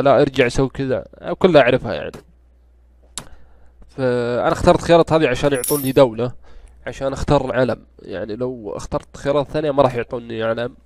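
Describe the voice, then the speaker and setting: Stuffy-nosed Saudi man, fast chatty gamer. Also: medium pitch, darkish tone. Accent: Saudi Gulf Arabic. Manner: rambling, grumbling, chatty. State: congested, stuffy-nosed from a cold. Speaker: gaming YouTuber. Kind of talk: casual gameplay commentary.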